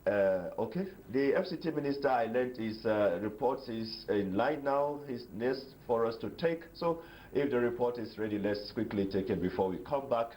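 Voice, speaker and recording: A man with a Nigerian accent anchoring live election coverage off the cuff, speaking haltingly with many filled pauses. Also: mid-range voice, lively intonation, darkish tone, a little hiss or hum, poor audio. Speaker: news anchor.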